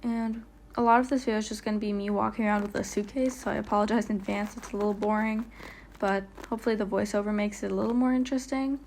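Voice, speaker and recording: A woman's voice: medium pitch, steady tone, fast talker, darkish tone, slight background noise. A woman narrating a casual travel vlog voiceover, chatty and rambling with lots of fillers, stumbling over her words now and then. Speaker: vlogger. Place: voiceover, not recorded on location.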